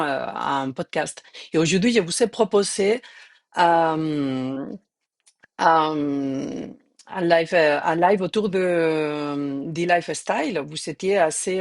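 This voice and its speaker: A middle-aged woman with a Spanish accent hosts a live-streamed interview. Her voice sits fairly low, and she hesitates often, filling pauses and restarting her sentences. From Spain. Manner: hesitant, many fillers and restarts. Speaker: host, journalist.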